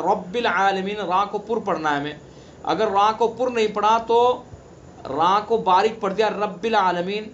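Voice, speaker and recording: High-voiced man teaching Quran recitation. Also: fairly bright tone. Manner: explains rules plainly, then recites example words slowly and drawn out. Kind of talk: online tajweed lesson. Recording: dull lo-fi sound with faint background noise.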